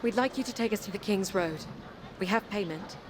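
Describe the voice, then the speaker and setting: An actress playing an earnest, polite young princess in a fantasy game. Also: female voice, mid-range voice, brisk, in a large hall, noisy background, lightly acted.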